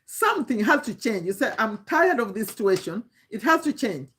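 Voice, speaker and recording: A Ugandan-accented woman in her fifties, working as an online business coach, gives an informal motivational talk, emphatically repeating phrases and asking rhetorical questions. Her voice is on the high side, very animated and a bit bright, at a moderate pace.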